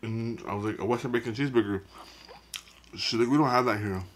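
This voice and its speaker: A man's voice: medium pitch, fast talker. A young man talking while chewing food, telling a rambling story in a laid-back, casual way to the camera. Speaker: mukbang vlogger.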